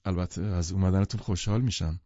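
A man voicing an eager, anxious male host who talks in a hurried, overly hospitable way. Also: low-pitched, steady tone, warm tone, no room sound, close to an everyday voice. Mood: insistent. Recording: dull lo-fi audiobook recording.

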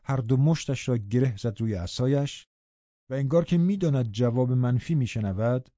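A man narrating an audiobook in a steady storytelling manner. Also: mid-range voice, dry recording. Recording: dull, dry studio recording.

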